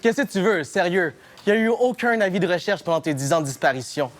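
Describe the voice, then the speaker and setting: A man with a Québécois French accent battle rapping a cappella, taunting his opponent and shouting his punchlines. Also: sits high, lively intonation, fast. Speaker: battle rapper. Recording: noisy live battle recording.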